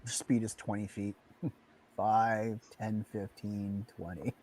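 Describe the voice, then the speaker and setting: A man's voice: on the low side, little pitch movement, slow, darkish tone, a little hiss or hum. A man running a tabletop game as game master, laid-back and laughing often as he counts out moves.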